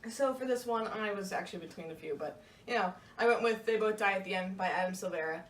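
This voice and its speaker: A young woman co-hosts a casual book vlog, talking fast and earnestly in a loose, conversational style at a medium pitch. The room is echoey, with a distant mic and faint noise.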